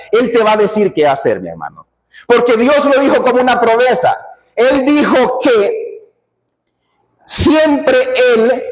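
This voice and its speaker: A man preaching a sermon with emphasis, repeating phrases and sometimes rising to shouts. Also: on the high side, in a large hall.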